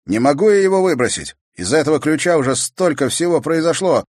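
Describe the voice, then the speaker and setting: A man's voice: medium pitch, animated, fairly quick, dry recording, studio quality, voice pushed up, lightly acted. A man reading an audiobook and voicing an irritable teenage boy who argues and mocks his sister. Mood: defensive. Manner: irritated, mocking. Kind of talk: audiobook character voice.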